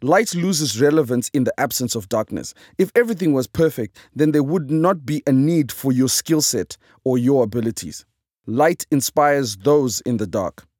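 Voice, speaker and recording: A man's voice: medium pitch, animated, moderate pace, hardly any pauses, darkish tone, dry recording. A man with a Zimbabwean accent reads aloud from his own inspirational book, his voice still carrying a touch of morning. He delivers it in a reflective, motivational cadence that leans toward preaching. The recording is dry and close, with no room sound.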